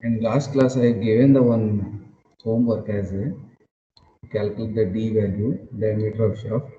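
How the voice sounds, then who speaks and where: Dark-voiced male lecturer, screen-recorded online class. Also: lowish voice, level tone. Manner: halting, repeats phrases, many "uh" fillers. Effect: screen-recorded online class audio. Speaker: engineering lecturer. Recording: dull lo-fi roomy sound with faint noise.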